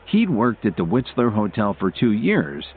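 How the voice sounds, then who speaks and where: A man narrating an audiobook in an expressive storytelling manner, heard through tinny phone-like audio. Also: lowish voice, moderate pace, slight background noise.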